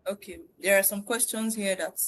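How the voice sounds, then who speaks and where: A woman's voice: mid-range voice, fairly even intonation, moderate pace, poor audio. A woman moderating a live online session, reading audience questions aloud with some hesitation. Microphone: video call.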